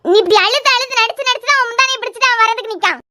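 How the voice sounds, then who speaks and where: A woman voicing a spiteful older mother-in-law in a cartoon, shouting and scolding. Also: very high-pitched, fast talker, no echo, clean studio sound.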